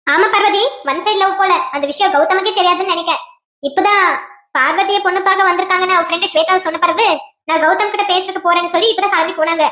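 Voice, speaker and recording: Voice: very high voice, steady tone, fast, sharp tone, echoey room. A woman voicing a bossy, gossiping young female friend in a cartoon, scolding and teasing with a Kanyakumari Tamil accent. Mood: gossipy.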